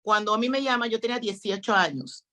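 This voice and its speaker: A middle-aged woman talks as a talk show guest. Her voice sits fairly high, and she tells stories quickly and expressively. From Panama. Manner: expressive, quick anecdotal delivery with acted quotes. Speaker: guest, public speaking trainer. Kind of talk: animated storytelling in a talk show interview.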